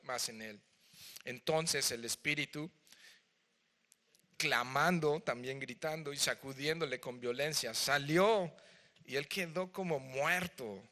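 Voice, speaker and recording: Male pastor, Mexican Spanish accent, mid-pitched, bright tone, animated sermon in a reverberant hall. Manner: expressive, acts out Bible voices, chatty asides to the congregation. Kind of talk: verse-by-verse sermon. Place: church hall.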